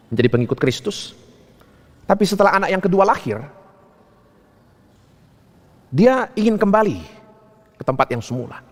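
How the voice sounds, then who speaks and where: Man preaching in a reverberant church. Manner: storytelling with rhetorical questions; wide swings between high and low pitch. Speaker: pastor. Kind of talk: sermon.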